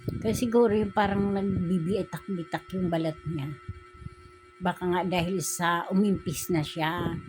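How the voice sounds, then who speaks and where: A woman's voice: on the low side, poor audio. A woman vlogger telling her viewers a personal story in a casual, emotional way. She keeps retelling conversations, often repeating how she said it. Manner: emotional, grows quiet and subdued. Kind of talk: casual spoken storytelling vlog. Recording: music playing behind the voice.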